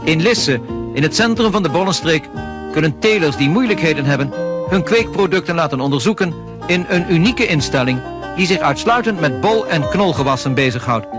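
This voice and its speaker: Male newsreel narrator from an archive reel, formal announcer read, somewhat high voice. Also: expressive, over music. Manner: formal, measured announcer delivery. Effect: archive newsreel soundtrack. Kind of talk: 1980 cinema newsreel narration.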